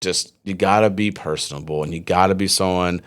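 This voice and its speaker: Man, podcast host, very low voice, smooth resonant tone, rambling casual chat. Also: steady tone, fairly quick. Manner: rambling, full of fillers and restarts.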